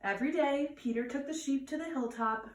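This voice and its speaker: A woman with a high-pitched, brisk voice reads a children's story aloud as a storytime reader at home indoors. The recording has a roomy echo, and she sounds distant from the mic.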